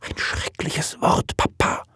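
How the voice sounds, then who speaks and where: Shy, soft-spoken girl of eighteen, pitched up high and breathy, read by a man with a husky, dry voice. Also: animated, unhurried, no echo, full character voice. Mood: flustered. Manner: soft, pleading, sometimes whispering. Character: shy, tender eighteen-year-old girl at her first ball.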